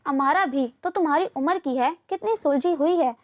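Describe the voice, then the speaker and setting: A woman voicing a patient middle-aged mother who gently lectures her daughter in an audio novel. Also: high voice, normal speed, highs cut off, close to an everyday voice. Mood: reasoning. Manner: calm, reasoning.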